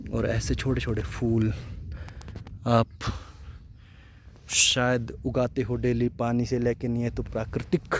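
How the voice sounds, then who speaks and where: A man's voice: mid-range voice, little pitch movement, slow, long pauses, slight background noise. Chatty man vlogging in a forest. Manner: chatty, talks loudly to warn animals. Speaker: nature vlogger. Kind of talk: walking forest vlog narration. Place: dense forest outdoors in light drizzle.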